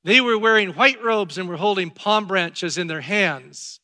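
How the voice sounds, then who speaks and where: A pastor preaching a sermon to his congregation, emphatic and building to loud exhortation. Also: high voice, measured pace.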